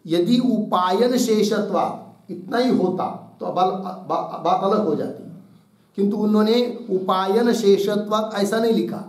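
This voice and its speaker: High-voiced man teaching in an echoey room. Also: darkish tone. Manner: asks the class questions and answers them himself; dictates slowly, repeating each phrase. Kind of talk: explaining and dictating a Sanskrit text to students.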